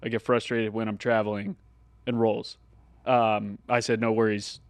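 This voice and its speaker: A man's voice: on the low side, normal speed, clear, resonant tone, no echo. A man co-hosting a podcast, telling a casual anecdote and acting out the lines of the people in it. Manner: animated anecdote teller who acts out the dialogue. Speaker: podcast co-host. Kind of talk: casual storytelling chat.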